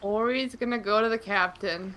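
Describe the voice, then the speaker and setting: A woman's voice: mid-range voice, moderate pace, fairly bright tone, slight background noise, poor audio. A woman playing in a tabletop game, chatting casually with playful, joking banter. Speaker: player.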